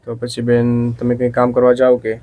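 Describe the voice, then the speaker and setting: A man from a charity gently asks questions and reassures the family he is visiting. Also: medium pitch, monotone, moderate pace, dry recording. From Gujarat. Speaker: charity worker interviewer. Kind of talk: interviewing.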